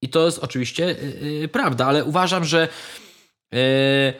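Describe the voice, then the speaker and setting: A man's voice: on the high side, moderate pace, a bit bright. A man in casual chat, rambling with many fillers and restarts, swearing freely and giving blunt opinions.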